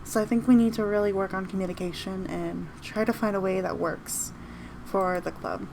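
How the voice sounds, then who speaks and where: A woman's voice: medium pitch, steady tone, moderate pace, a little mellow, slight background noise. A woman hosting a reflective solo podcast from home, talking earnestly and rambling with restarts. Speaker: podcast host and teacher. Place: home room with open window downtown.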